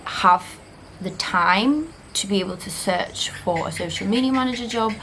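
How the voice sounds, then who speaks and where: A woman in her twenties, born in Poland, who grew up in Britain and speaks. She talks to the camera in a relaxed, chatty way, with frequent ums and likes. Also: mid-range voice, moderate pace, slight background noise, poor audio. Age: 20s. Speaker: interviewee. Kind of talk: casual talk to camera.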